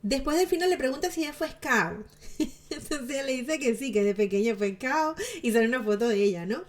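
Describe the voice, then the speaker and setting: A woman's voice: sits high, expressive, a little fast. A woman giving chatty, sarcastic commentary to her viewers, laughing often. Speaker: celebrity gossip vlogger.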